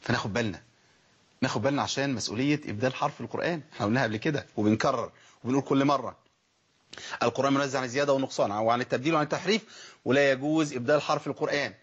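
A man with an Egyptian Arabic accent teaches Quran pronunciation at a quick clip, his voice slightly husky. He breaks into slow, stretched recitations to demonstrate each sound. The recording is dull and lo-fi. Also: medium pitch. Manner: lively, demonstrates recited words slowly and stretched. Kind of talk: Egyptian colloquial lesson on letter pronunciation.

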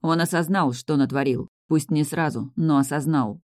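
A woman giving measured first-person narration of a fantasy audiobook. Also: low-pitched, a little mellow, no room sound, studio quality.

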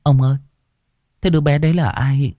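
A man's voice: steady tone, dark tone, no room sound, clean studio sound, natural voice. Man doing a stammering, terrified young tenant. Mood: anxious. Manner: stammering, rushed, high pleading.

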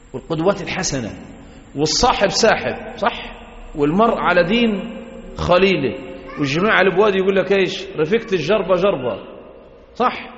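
A man preaching a sermon, earnest and exhorting, often asking his listeners rhetorical questions. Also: high voice. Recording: echoey hall, dull lo-fi sound.

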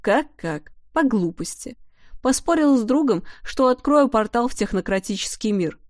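A woman's voice: on the high side, lively intonation, normal speed, a little mellow, no echo, studio quality, natural voice. A woman reading an audiobook voices a cheeky, amorous male winged creature who grumbles and boasts in a theatrical way. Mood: grumbling.

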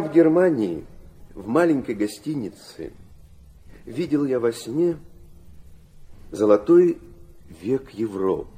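In a radio drama, an actor plays an anguished, idealistic middle-aged nobleman who confides and philosophizes in a theatrical, halting way. The voice is a little high with a darkish tone and heavily acted. The mood is wistful and visionary.

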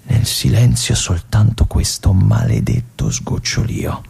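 An actor performing a stage monologue as a restless young army lieutenant stuck in a remote fortress. His husky voice often drops to a whisper. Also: fairly low pitch, fairly even intonation, slow pace, soft background music, full character voice. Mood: brooding, restless. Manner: introspective, swings between hushed musing and agitated outbursts. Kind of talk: theatrical monologue broadcast on radio.

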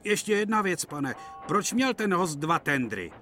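A man's voice: sits high, sing-song, bright, forceful tone, pitched above the performer's own voice, exaggerated voice. A man voicing a big, proud male express engine that talks down to the smaller engines in a haughty, scornful way. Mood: glum. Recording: clear music behind.

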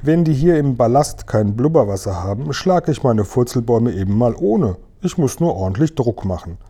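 Ein Mann, der einen riesigen, freundlichen, kindlichen Riesen spricht, der laut und aufgeregt die Wörter verdreht. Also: male voice, medium pitch, moderate pace, husky. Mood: excited. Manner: loud, excited, word-mangling. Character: huge friendly male giant, childlike, mangles words.

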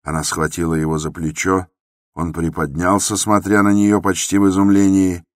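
A man narrating a novel in a measured, dramatic storytelling manner. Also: sits low, flat delivery, no echo, clean studio sound.

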